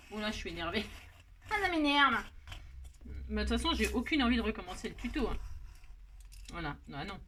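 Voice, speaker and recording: A woman's voice: mid-range voice, a bit bright, slight background noise. A woman hosting a card-making tutorial, chatting casually and joking about her own mistakes while she works. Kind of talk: casual self-mocking craft tutorial.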